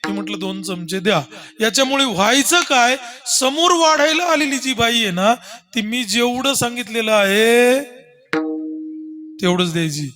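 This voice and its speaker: A man's voice: very high voice, lively intonation, normal speed, bright, forceful tone, faint music behind, full character voice. A man playing a cheeky clever boy. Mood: explaining. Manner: earnest, explaining.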